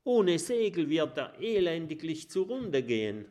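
A man's voice: fairly high pitch, sing-song, measured pace, a little mellow, pitched above the performer's own voice. A man voicing a small, brave young dragon in a children's storybook, protesting earnestly.

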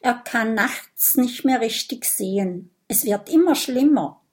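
A woman's voice: a little high, animated, unhurried. A woman voicing an anxious young vampire boy in an audiobook, in a raised, boyish voice. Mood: worried. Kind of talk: audiobook character voice.

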